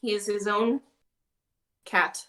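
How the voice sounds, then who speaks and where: A woman's voice: medium pitch, steady tone, takes it slowly, pushed and bright. A young adult woman playing a tabletop role-playing game, trading casual banter in a playful, emphatic way.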